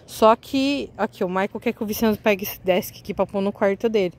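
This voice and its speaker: A woman's voice: medium pitch, brisk, low-quality recording. Woman vlogger, chatty and eager, handheld phone outside, faint street noise. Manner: chatty, eagerly addresses viewers. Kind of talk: casual vlog walkthrough. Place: outdoors on a residential street.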